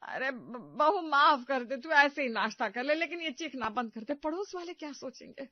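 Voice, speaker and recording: A woman's voice: on the high side, normal speed, lo-fi sound, natural voice. A woman voicing a weary middle-aged mother-in-law. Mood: placating.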